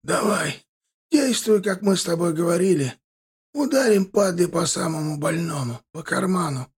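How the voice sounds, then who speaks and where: A man voicing a badly wounded old gang boss who gasps out orders in a thin, strained rasp. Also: lively intonation, normal speed, full character voice. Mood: weak, urgent. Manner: strained faint rasping whisper, high and thin. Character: dying old male gang boss, wheezing, commanding.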